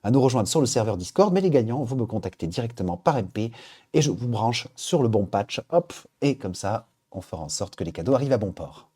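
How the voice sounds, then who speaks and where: A man hosts a live stream, chatting casually and thinking out loud as he reads viewer suggestions in an upbeat way. His mid-range voice is mellow with a breathy edge, moving briskly and swinging widely in pitch.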